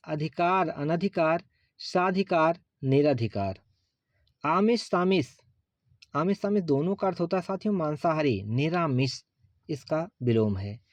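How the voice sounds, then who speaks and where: A male teacher slowly reciting pairs of opposite words for an exam class, repeating each one deliberately and calling his students friends. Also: a little high, no room sound. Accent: Hindi. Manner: slow, deliberate drilling of word lists, addressing students as friends.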